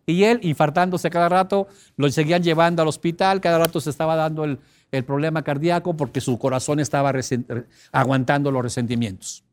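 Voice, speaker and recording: A middle-aged man giving an expressive teleseminar talk, emphatic and repetitive, breaking into sudden loud cries to illustrate a point. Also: a little high, a little fast. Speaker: personal development teleseminar speaker.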